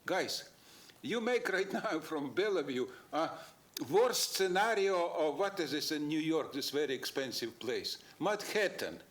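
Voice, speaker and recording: A man's voice: a little high, animated, unhurried. Guy w ranting at a public meeting, broken english, combative. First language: not English. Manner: ranting, combative, rhetorical questions. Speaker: public commenter at a council meeting.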